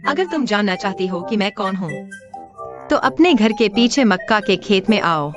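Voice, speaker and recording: A woman dubbing a sharp-tongued young woman in a drama who talks curtly and bluntly. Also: mid-range voice, expressive, normal speed, dull audio, music in the background, lightly acted. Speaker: voice actor in a Hindi dub. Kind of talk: dubbed TV drama acting.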